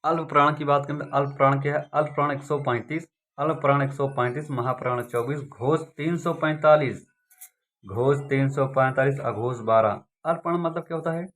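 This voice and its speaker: A man's voice: medium pitch, steady tone, brisk, a bit bright. A man teaching an exam-prep lesson, repeating points and asking and answering his own questions. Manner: repetitive, drilling, asks and answers own questions.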